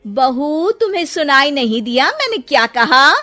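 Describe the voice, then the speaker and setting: A woman voicing a bossy middle-aged mother-in-law who scolds loudly and shrilly in a cartoon story. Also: sits high, very animated, unhurried, soft background music, pitched above the performer's own voice, full character voice. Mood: demanding.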